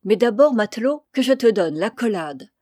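A woman's voice: medium pitch, moderate pace, mellow, no echo, studio quality, natural voice. A woman voicing a hearty, jovial old farmer who was once a soldier.

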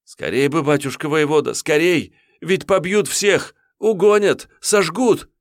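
A man voicing a frantic, trembling young male serf messenger who pleads in breathless shouts. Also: a little high, a little slow, no room sound, studio quality, voice pushed up. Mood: frantic pleading.

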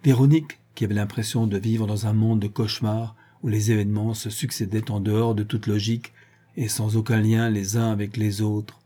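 Male narrator, warm dark tone, slightly husky, literary audiobook. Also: lowish voice.

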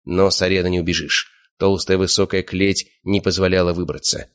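A man narrating an audiobook in the first person, steady and smug. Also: low voice, a little fast, clean tone. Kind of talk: scripted narration.

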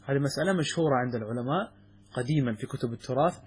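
Husky-voiced sheikh teaching a lesson. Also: male voice, mid-range voice, racing. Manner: asks the students questions and answers them himself, repeats key words. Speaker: sheikh teaching a classical logic text. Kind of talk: classroom lesson explaining verses.

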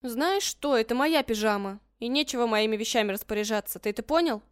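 A man's voice: very high-pitched, a little fast, a bit bright, smooth, no echo, studio quality, voice pushed up. A man voicing a protective, feisty teenage sister in an audiobook, coaxing and bossy by turns. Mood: stern. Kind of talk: audiobook character voice.

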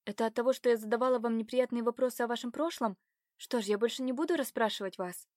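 A woman voicing a naive, cheerful eighteen-year-old noblewoman with a bright, eager manner. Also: on the high side, fast, no room sound, clean studio sound, natural voice. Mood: pleading, indignant.

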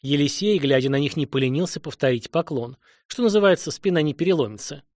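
A man narrating an audiobook in an even, measured storytelling voice on a close mic. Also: on the high side, no room sound. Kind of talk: scripted narration.

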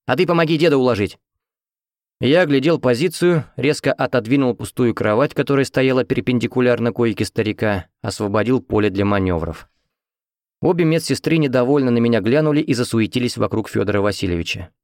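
A man narrating an audiobook in the first person with a steady, even reading. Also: mid-range voice, fairly quick, dry recording, clean studio sound. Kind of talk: scripted narration.

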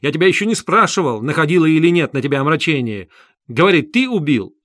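A man reading the part of a sharp, agitated middle-aged investigator. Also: a little high, expressive, unhurried, no room sound, clean studio sound, pitched above the performer's own voice. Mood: irritated interrogation. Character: Porfiry, irritable middle-aged male investigator.

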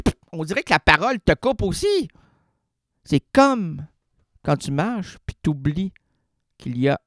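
A Québécois man hosts a comic radio monologue from a studio mic, rambling playfully and breaking into vocal sound effects. His voice sits fairly high with a gravelly edge. The sound is close and dry. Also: a bit bright, no room sound. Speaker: radio host.

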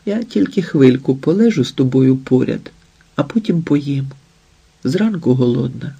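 Audiobook, man doing a shy young girl, hushed, soft, dark husky voice. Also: mid-range voice, lively intonation, unhurried, lo-fi sound, full character voice. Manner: soft, hushed, half-whispered.

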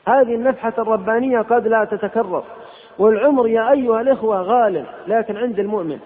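Man, fiery sermon, very high voice, tinny hall recording. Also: fast. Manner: impassioned, scolding, rising to sharp outbursts. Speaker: preacher. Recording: tinny old cassette in a hall.

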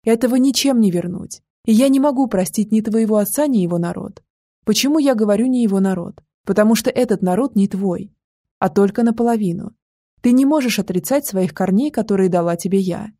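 A woman voicing a grieving mother who pleads softly and earnestly with her grown son, in an audiobook. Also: mid-range voice, brisk, no room sound, studio quality, lightly acted.

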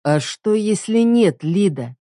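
A woman's voice: medium pitch, animated, slow, warm tone, no room sound, clean studio sound, voice pushed up. A woman voicing a jealous, hostile husband who swears and makes curt demands.

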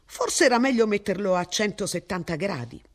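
A woman's voice: mid-range voice, lively intonation, moderate pace, voice pushed up, lightly acted. A woman voicing a cheerful, overfamiliar young man with a breezy, chatty manner in a story reading.

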